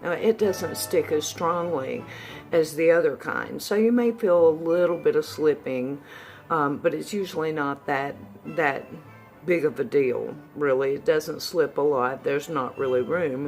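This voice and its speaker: A woman's voice: deep voice, measured pace, a little mellow, faint music behind. A woman giving a casual, candid, folksy update to viewers, her s sounds whistling through new dentures. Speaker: vlogger.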